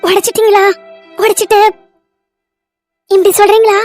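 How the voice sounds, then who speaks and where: A woman's voice: very high voice, level tone, normal speed, darkish tone, soft background music. A woman voicing a young married woman in a cartoon story, anxious and pleading, repeating her questions over and over. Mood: distressed.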